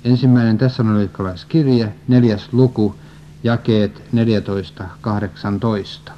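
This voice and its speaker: A man's voice: lowish voice, steady tone, a little hiss or hum. Man steadily reading a religious story. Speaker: reader. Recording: dull lo-fi recording.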